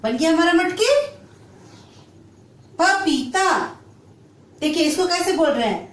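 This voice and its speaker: A woman teacher explaining a children's lesson slowly, drawing out each syllable. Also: extremely high pitch, lively intonation, roomy sound, recorded from a distance. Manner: slow, drawn-out syllable-by-syllable explanation.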